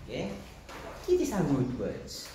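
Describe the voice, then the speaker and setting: A man's voice: mid-range voice, huge pitch swings, slow pace, noisy background. A man with a Mauritian accent teaching a class, asking questions and repeating students' answers. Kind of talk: classroom lesson. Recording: echoey classroom from far off.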